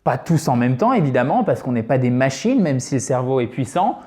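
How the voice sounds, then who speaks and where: A man with a mid-range voice runs an online lesson on English for French speakers. He explains each point patiently and step by step. He models words by repeating them slowly, and he speaks to his viewers as friends. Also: medium pitch, very animated. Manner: addresses viewers directly and warmly as friends. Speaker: English teacher.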